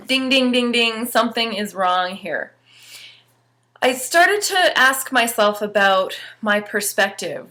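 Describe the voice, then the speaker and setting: A middle-aged woman giving an upbeat personal motivational talk to camera. She speaks emphatically, swinging between bright bursts and soft asides. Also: mid-range voice.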